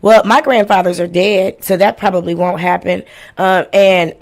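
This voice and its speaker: A woman in her forties hosts a casual livestream, running through house rules and shout-outs. She's blunt, playful and slangy, swearing freely, in a lowish voice with fairly even intonation at a moderate pace.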